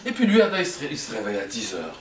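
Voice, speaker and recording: Animated man telling a story, laughing. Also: medium pitch, quick pace. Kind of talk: storytelling to an audience. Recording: roomy, from a distance.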